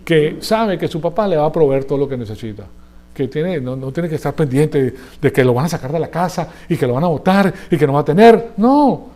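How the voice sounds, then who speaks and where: Spanish-speaking guy preaching, mellow tone, a bit high for a man, keeps checking the crowd follows him. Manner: conversational, asks the audience for agreement. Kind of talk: sermon.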